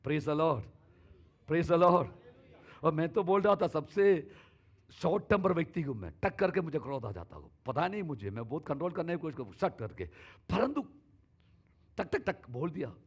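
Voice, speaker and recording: A male pastor preaching a sermon in a church, shifting between sudden loud calls and soft asides. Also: on the high side, big pitch swings, brisk, slightly rough, dull audio.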